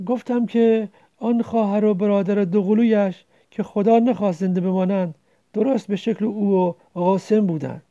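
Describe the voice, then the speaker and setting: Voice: medium pitch, fairly even intonation, mellow, highs cut off, natural voice. A reader voicing a dying village man, weary and short of breath. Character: sick poor village man near death.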